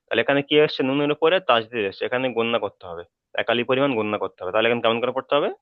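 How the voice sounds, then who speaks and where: A man's voice: medium pitch, very fast, no echo. A man teaching Quran reading in an online class, patiently correcting his students letter by letter. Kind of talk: online tutoring. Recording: thin phone-like call audio.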